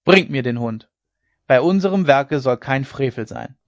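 Man voicing a stern fiery dike-reeve, commanding shouts, audiobook, slightly muffled dry recording. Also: mid-range voice, normal speed, no room sound, natural voice. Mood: furious.

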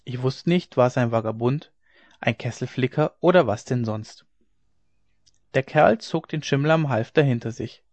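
A man's voice: mid-range voice, moderate pace, a little mellow, no room sound, natural voice. A man voicing a steadfast young dike master. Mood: recounting. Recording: dry, dull lo-fi recording.

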